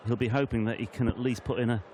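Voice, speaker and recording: A man commentating on darts, measured and full of statistics. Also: medium pitch, fairly even intonation, background noise. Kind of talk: sports commentary. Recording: commentary over loud arena crowd.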